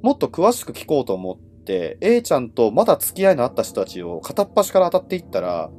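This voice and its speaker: A man telling ghost stories as a livestream host in casual, conversational speech, with dramatic pauses and phrase endings that trail off. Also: mid-range voice, huge pitch swings, darkish tone. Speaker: horror storyteller and host.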